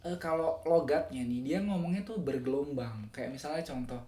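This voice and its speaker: A young man from West Java talking casually on a solo podcast. He is animated, laughs often, and slips into sing-song imitations. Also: a little high, moderate pace, roomy sound. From West Java, Indonesia. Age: young adult. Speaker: student podcaster.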